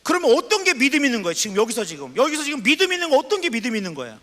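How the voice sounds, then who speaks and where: A man preaching a sermon as pastor, asking the congregation questions and reading scripture aloud slowly. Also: extremely high pitch, sing-song, a bit bright, big-room sound. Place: church sanctuary.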